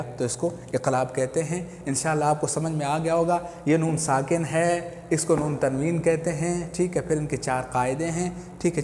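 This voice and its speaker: A man's voice: a little high, darkish tone, a little hiss or hum. A man with an Urdu accent teaching a Quran recitation lesson, patiently explaining step by step and repeating key terms. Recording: echoey room.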